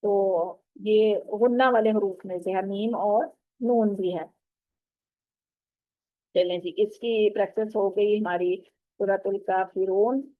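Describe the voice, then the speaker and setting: Slow-talking woman teacher over a tinny call. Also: medium pitch, fairly even intonation. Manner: patient, explains slowly and models sounds with drawn-out recitation. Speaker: Quran recitation teacher. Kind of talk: online tajweed lesson. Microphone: video call. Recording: tinny phone-like online call audio.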